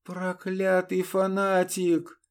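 A fierce, defiant young woman, as a male reader puts her on in an audiobook. The voice is pitched well above his own and pushed loud and strained, desperate and unyielding. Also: completely flat delivery, slow. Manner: raised, strained, defiant outbursts. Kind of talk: audiobook character voice.

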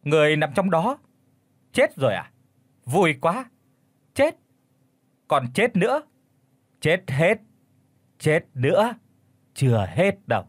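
A man's voice: a little high, big pitch swings, takes it slowly, long pauses, dry recording, exaggerated voice. A man voicing a simple-minded young woman speaking in eerie, childish fragments.

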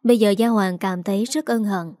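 Woman narrating a story, even read, mellow darkish voice, dry close sound. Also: mid-range voice, fairly quick, no echo.

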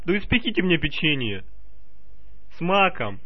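A man with a fairly high voice works through a prank call on a dull telephone line. He keeps up a mock-polite manner and pesters with persistence. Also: sing-song, normal speed. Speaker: prank caller.

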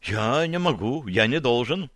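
A man's voice: mid-range voice, lively intonation, a little slow, fairly bright tone, no echo. A man voicing a frightened, dazed young soldier who answers eagerly in strained replies, in a dry recording.

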